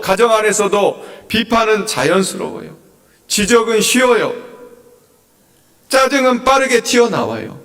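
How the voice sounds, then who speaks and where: A man's voice: high voice, a bit bright, big-room sound, distant mic. A man preaching a sermon as a pastor, asking the congregation many questions. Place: church sanctuary.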